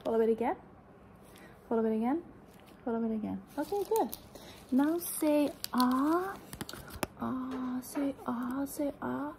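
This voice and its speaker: Young woman doing fast ASMR role-play asmr as a doctor, high soft voice, repeats short phrases, noisy close mic w clicks. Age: young adult. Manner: hurried, repetitive soft murmuring of short phrases. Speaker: ASMR performer playing an examining doctor. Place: indoors, small room at home.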